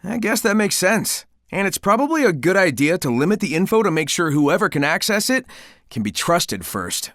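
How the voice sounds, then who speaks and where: Sonic, a lively youthful hedgehog hero. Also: male voice, sits high, normal speed, no room sound, clean studio sound, heavily acted. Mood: casual, musing. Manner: breezy, casual, confident. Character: cocky, upbeat, caring young male cartoon hedgehog hero. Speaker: video game voice actor. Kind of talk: video game character dialogue.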